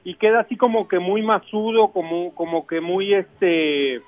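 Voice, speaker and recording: A man with a Mexican accent, a chef on radio, explaining and chatting casually in a halting way. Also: high-pitched, steady tone, no echo, narrow, tinny audio, faint music behind. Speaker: chef giving radio cooking tips.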